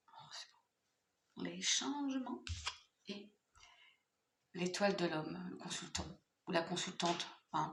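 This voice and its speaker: Lady reading cards for her viewers, kinda low voice, playful and chatty, bit of room echo. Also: fairly bright tone, slight background noise. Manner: chatty, playful, many fillers and laughs. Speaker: tarot card reader. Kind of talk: casual card reading for viewers.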